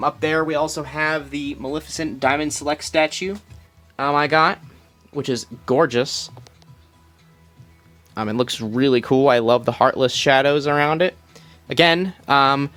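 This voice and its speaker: Filming on his phone in a small room at home, a young man walks through his collection casually, stumbling over ums and restarting often. He speaks with a medium-pitched, fairly bright voice.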